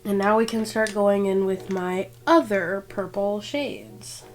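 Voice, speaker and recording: A beauty vlogger in her twenties chats casually and self-deprecatingly while doing her makeup in a tutorial, her voice stuffed up from a cold. She speaks slowly in a mid-range voice with lively intonation, and music plays under her.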